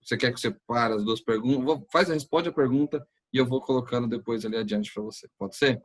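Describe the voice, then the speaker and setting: Guy interviewing, mid-pitched, kinda hesitant, lots of restarts while he asks stuff. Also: fairly quick. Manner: hesitant, restarts, thinks aloud with "acho que". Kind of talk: conversational interview.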